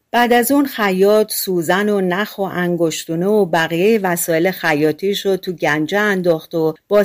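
A woman narrating fairy tales for an audiobook in a colloquial, conversational storytelling manner. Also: on the low side. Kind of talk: scripted fairy-tale narration.

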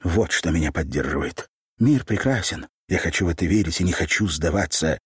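A man reading an audiobook, voicing a heartbroken young woman who shouts and pleads in anguish. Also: sits low, expressive, brisk, breathy edge, dry recording, studio quality, voice pushed down, exaggerated voice. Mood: quiet resigned. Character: heartbroken young woman, fierce then fragile.

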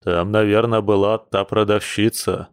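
A man's voice: fairly low pitch, flat delivery, measured pace, clean tone, dry recording. A man voicing a hungover bear werewolf who groans and complains gloomily, in a dry audiobook recording. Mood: groaning. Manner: groaning, mournful.

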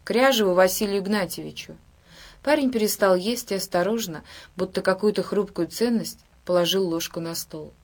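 With a medium-pitched voice, a woman reads a book aloud as scripted audiobook narration, keeping her storytelling steady and measured.

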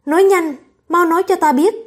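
A woman's voice: very high-pitched, fairly quick, pitched above the performer's own voice. A woman voicing a teasing, nosy young woman who pesters and coaxes for gossip in a storybook reading. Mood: wheedling. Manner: coaxing, pestering.

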